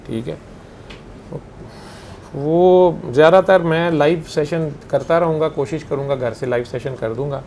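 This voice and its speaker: A man's voice: fairly high pitch, fairly even intonation, unhurried, a little mellow, a little hiss or hum. A man with a Punjabi accent giving an informal spiritual talk to his followers. He talks conversationally, asks rhetorical questions and drops into Punjabi phrases. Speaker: spiritual healer.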